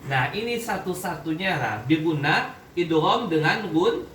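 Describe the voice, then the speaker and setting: A man's voice: on the high side, lively intonation, measured pace, a bit bright. A man teaching a classroom Quran recitation lesson, often quizzing his students and checking that they understand. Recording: echoey room, voice from a distance, faint background noise.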